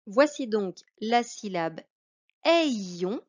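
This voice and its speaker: A woman's voice: medium pitch, animated, a little slow, muffled recording. A woman teaching a reading lesson to children, patiently spelling out syllables one by one.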